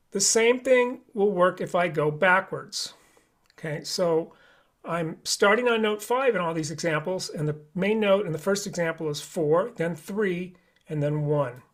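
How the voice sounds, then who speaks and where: Patient man teaching flute online. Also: sits high. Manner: patient, step-by-step explaining. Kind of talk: live online instructional lesson.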